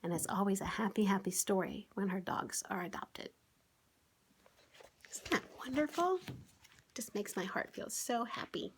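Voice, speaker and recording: A children's author hosts online story time, talking through a picture book and often putting simple questions and exclamations to her young listeners. Her mid-range voice is animated yet a little slow, with long pauses and slight background noise.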